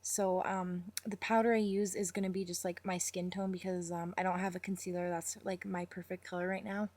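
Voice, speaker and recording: A young woman talking casually through her makeup routine in a voice-over, chatty and rambling, with fillers and quick apologies. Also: lowish voice, flat delivery, a little mellow. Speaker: makeup vlogger.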